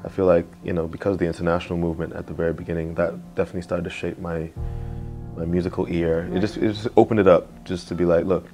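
A young man from Nigeria, a music producer, talking casually in an interview in a music studio, often saying "you know". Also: low-pitched. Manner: relaxed, fills pauses with "you know".

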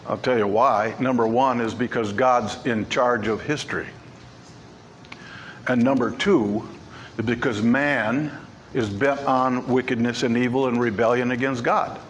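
A man's voice: mid-range voice, steady tone, a little slow, slight background noise. Emphatic man preaching a sermon. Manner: emphatic, repeats key words. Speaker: pastor. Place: church sanctuary.

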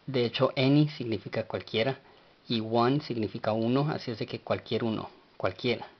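A man teaching a language lesson, speaking slowly and spelling words out letter by letter. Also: mid-range voice, dull audio.

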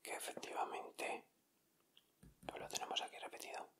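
This is a male ASMR creator whispering quietly as he sits at an indoor table. He takes his time, describing each item with soft, measured care.

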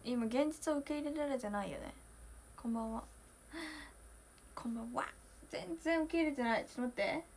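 A young woman in her twenties, chatting casually on a solo livestream, emotional and talkative, moving from loud bursts to hushed asides. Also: a little high, fairly quick, long pauses, a little hiss or hum. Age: 20s. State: near tears at times. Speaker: idol streamer.

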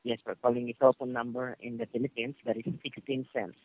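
A man working as a phone service agent reads from a customer service script, polite and formal, calling the customer "sir" constantly. His mid-range voice is flat and a little fast, and the call sounds muffled with slight noise.

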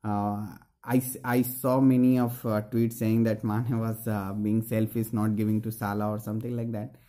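A man's voice: lowish voice, flat delivery, mellow. Earnest Indian man giving a football analysis. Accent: Indian English. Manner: earnest, halting, many fillers and restarts. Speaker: football fan vlogger. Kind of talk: post-match analysis to camera. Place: small room indoors.

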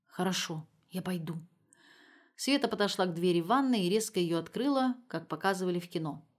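A woman narrating a humorous story as an audiobook reader, with lively, expressive storytelling. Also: on the low side, fast talker.

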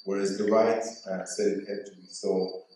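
A man with a fairly low voice picks his way through his points as a panelist, full of fillers and restarts. He sounds distant from the mic, and a strong hall echo surrounds every word. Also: level tone, normal speed, mellow. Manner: hesitant, many fillers and restarts. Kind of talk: panel discussion remarks. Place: large auditorium stage.

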